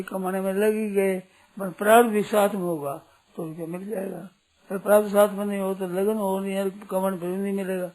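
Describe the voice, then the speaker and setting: A man's voice: high voice, a little mellow, poor audio. An older man from Rajasthan, giving a devotional sermon as a saint, repeating his points in pleading rhetorical questions. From Rajasthan, India. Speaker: saint giving a spiritual discourse.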